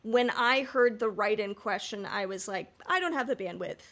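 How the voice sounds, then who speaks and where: A woman co-hosts a podcast of casual fan talk, her mid-range voice a bit bright and her pace moderate. She speaks candidly and with emphasis, dropping the occasional casual swear.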